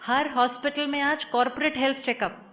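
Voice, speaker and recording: A woman giving a calm, persuasive spiritual talk to a live audience, often asking questions and mixing in English phrases. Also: sits high, brisk. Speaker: spiritual speaker.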